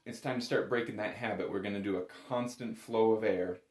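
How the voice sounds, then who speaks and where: A bagpipe instructor gives an informal music lesson, hedging, frequently correcting himself, and stressing key words. His voice is on the low side, with a steady tone and a slightly fast pace. The room sound is roomy and echoing.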